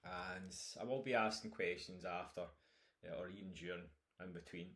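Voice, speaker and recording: A man's voice: sits low, normal speed, fairly bright tone. A man with a broad Scottish accent speaks as a coach, informally introducing a course and encouraging listeners directly. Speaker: health and nutrition coach presenting a course. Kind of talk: informal course introduction, talking through topics.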